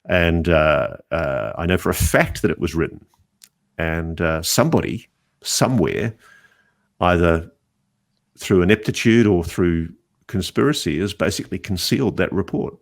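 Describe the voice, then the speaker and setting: A man, a journalist guest on a podcast interview, telling animated anecdotes. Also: sits low, normal speed, gravelly. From Australia.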